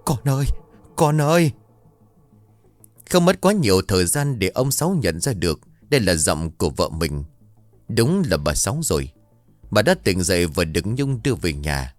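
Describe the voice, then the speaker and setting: A man narrating a ghost story in a dramatic, expressive way. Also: sits low, normal speed, no room sound. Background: faint music.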